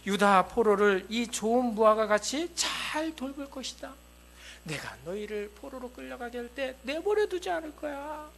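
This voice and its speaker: A tender, reassuring God speaks in short repeated promises, as a preacher puts him on. The voice sits high and bright, and it is soft and fatherly rather than stern. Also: expressive, moderate pace, creaky, a little hiss or hum, exaggerated voice.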